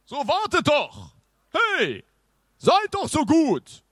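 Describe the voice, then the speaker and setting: A man's voice: sits high, expressive, slow, pushed and bright, no room sound, studio quality, pitched above the performer's own voice, exaggerated voice. A man voicing a centuries-old knight mummy who speaks in stately, archaic phrasing. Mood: bewildered.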